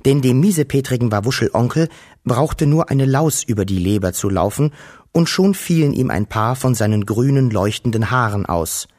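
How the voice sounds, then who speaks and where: A man reading a children's storybook aloud, gentle and expressive. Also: mid-range voice, moderate pace. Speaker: narrator.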